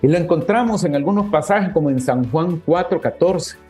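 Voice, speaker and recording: A man's voice: a little high, animated, moderate pace. Man, church teacher, chatty, faint music underneath. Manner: warm conversational, addresses listeners as brothers. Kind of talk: casual teaching talk. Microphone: webcam.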